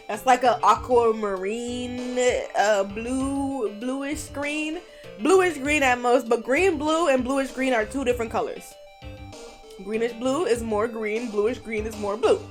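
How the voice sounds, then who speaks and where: A young woman streaming a game live, chatting in an animated, slangy, blunt way at her streaming microphone. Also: fairly high pitch, unhurried, faint music behind. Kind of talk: casual live gameplay commentary.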